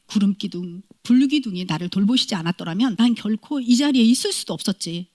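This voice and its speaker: A woman pastor giving a sermon, telling a personal story and acting out her own inner prayers, dropping to whispers and rising to loud cries. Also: fairly high pitch.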